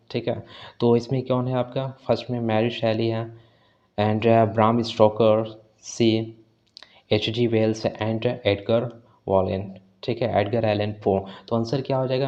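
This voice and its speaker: A male teacher explains exam questions on English literature, mixing Hindi with slowly read English lines and often saying "ठीक है". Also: mid-range voice, darkish tone, lo-fi sound. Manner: mixes Hindi with English, reading English phrases slowly; repeats "ठीक है" as a filler. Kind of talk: exam-prep lesson.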